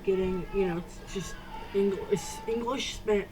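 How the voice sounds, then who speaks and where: A teenage girl telling a personal story to camera, halting, with many restarts and fillers. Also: mid-range voice, distant mic, music in the background, rough recording. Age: teens. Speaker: vlogger. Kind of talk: casual storytime.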